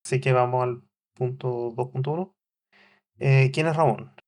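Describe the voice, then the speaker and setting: A man's voice: medium pitch, fairly even intonation, normal speed, a little mellow. A man, hosting a solo podcast in a hesitant way, with many fillers and restarts. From Chile. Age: 40s. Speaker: podcast host.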